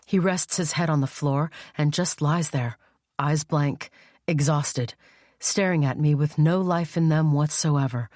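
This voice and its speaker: Low-voiced woman narrating a thriller. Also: unhurried, a little mellow, no room sound, clean studio sound. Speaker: audiobook narrator. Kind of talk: first-person thriller narration.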